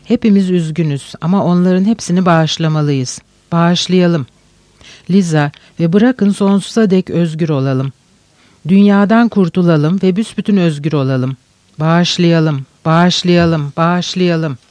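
A man's voice: on the high side, unhurried, darkish tone, dry recording, lightly acted. A man voicing a feverish, tearful old male teacher who pours out pleading, repetitive speeches. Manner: pleading, breathless outpouring with repetitions.

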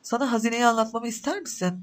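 A man's voice: very high-pitched, fairly even intonation, quick pace, voice pushed up. A man voicing a desperate, fiercely protective young mother in a storybook reading, speaking urgently. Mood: tender.

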